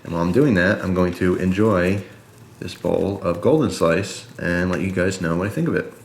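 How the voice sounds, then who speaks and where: Low-voiced man chatting in an echoey room. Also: moderate pace, a little hiss or hum. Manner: informal, folksy, explains step by step. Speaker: product reviewer and video host. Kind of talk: casual chat to viewers while demonstrating.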